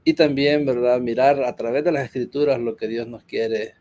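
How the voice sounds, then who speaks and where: A man's voice: mid-range voice, fairly even intonation, normal speed, a little mellow. A man from Honduras, a pastor, speaking earnestly in a conversational church discussion with frequent hesitations.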